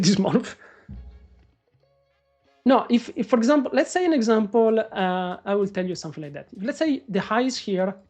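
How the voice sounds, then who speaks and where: A man doing live trading commentary on a stream, excitable and swearing as he talks to the market. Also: sits high. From Morocco. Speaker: day trader live-streaming.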